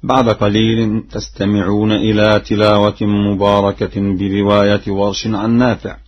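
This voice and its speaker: رجل عالم بالقراءات يشرح في درس إذاعي ديني بإلقاء رصين، ويرتل شواهد قصيرة من الآيات بين الشرح. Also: male voice, fairly low pitch. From Egypt. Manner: measured formal explanation with short chanted verse recitations. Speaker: Quran recitation scholar. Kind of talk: broadcast religious lesson. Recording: muffled old radio broadcast.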